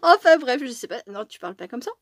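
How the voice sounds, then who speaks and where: A woman chatting casually through a scrapbooking tutorial, excitable and tired, with many fillers and restarts. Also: sits high, fast talker, no room sound, studio quality. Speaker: scrapbooking vlogger. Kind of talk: casual crafting tutorial chat.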